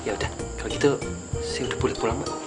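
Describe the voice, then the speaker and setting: A man's voice: mid-range voice, very fast, loud music behind the voice, lightly acted. An actor playing a humble, eager young working-class man in a TV comedy-drama. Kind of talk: scripted TV comedy-drama acting.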